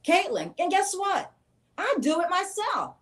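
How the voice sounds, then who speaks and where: A woman's voice: very high voice, very animated, a little slow, a crowd in the background. A woman from the rural South, speaking emphatically and frankly as a guest on a casual panel talk show. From rural American South. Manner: emphatic, outspoken.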